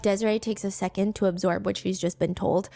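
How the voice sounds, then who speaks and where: A woman's voice: mid-range voice, steady tone, a little fast, gravelly, warm tone, soft background music. A woman hosting a true crime show, narrating in a conversational way with asides and light humor. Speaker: true crime podcast host. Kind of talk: storytelling narration.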